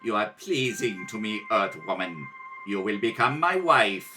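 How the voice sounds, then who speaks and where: A man's voice: lowish voice, lively intonation, unhurried, over music, voice pushed down. A man voicing a cold, merciless alien emperor in pompous, commanding old radio serial style. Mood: cold, imperious.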